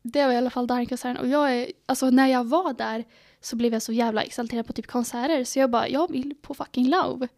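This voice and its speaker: High, excitable teenage girl. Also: faint music behind. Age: teens. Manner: excitable storyteller, acts out her own reactions, swears casually. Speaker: podcast co-host. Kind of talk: casual chat.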